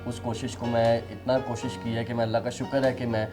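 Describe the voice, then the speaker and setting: A young man answering interview questions in an earnest, soft-spoken, slightly halting way. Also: medium pitch, little pitch movement, soft background music. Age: young adult. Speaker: interviewee, musician.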